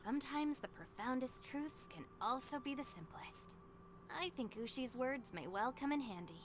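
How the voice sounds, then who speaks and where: A woman's voice: high voice, expressive, moderate pace, background noise. A woman voicing a level-headed young deputy in a video game, matter-of-fact and restrained. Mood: thoughtful.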